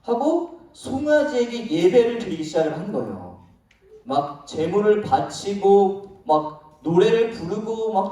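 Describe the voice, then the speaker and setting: A high, animated male pastor tells a children's sermon as a story and keeps asking his young listeners questions. His voice is mellow in tone. He sounds far from the mic in a very roomy, echoing church sanctuary. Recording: very echoey hall, voice from far off.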